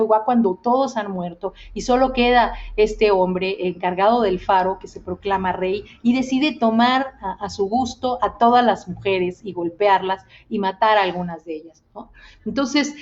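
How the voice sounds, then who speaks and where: Woman reading novels aloud, lo-fi. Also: mid-range voice. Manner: alternates explanation with expressive reading of passages. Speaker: host of a reading and storytelling stream.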